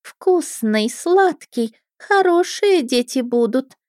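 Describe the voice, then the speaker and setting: Woman voicing a teenage mermaid girl, shrill, ringing, petulant, teasing, storybook, dry recording. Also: expressive, slow pace, darkish tone, no echo. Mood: greedy. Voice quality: high ringing girlish voice. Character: bratty teenage mermaid girls, shrill and capricious.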